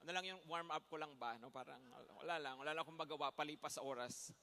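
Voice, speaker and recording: A man's voice: on the high side, fast talker, bright, forceful tone, long reverb tail. A man with a Filipino accent, a pastor preaching a sermon in a church, telling stories in a chatty way and checking in with the congregation. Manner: chatty storytelling with laughs and "no?" asides. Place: church sanctuary.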